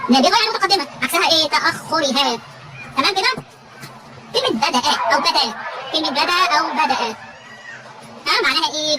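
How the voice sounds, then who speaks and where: Woman teacher, Egyptian Arabic accent, high voice, rapid-fire pace, call-and-response drill, loud crowd and noise in the background. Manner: repetitive call-and-response questioning. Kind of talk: classroom vocabulary drill.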